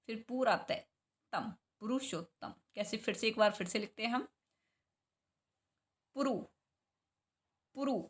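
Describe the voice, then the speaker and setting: A woman's voice: mid-range voice, fairly bright tone. A woman teaching a spelling lesson to young children, patiently repeating syllables and asking questions she answers herself. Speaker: school teacher.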